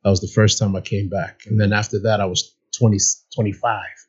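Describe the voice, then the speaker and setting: Husky man telling his story earnestly. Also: lowish voice, little pitch movement, brisk, highs cut off. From Nigeria, raised in upstate New York. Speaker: guest. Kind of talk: casual interview.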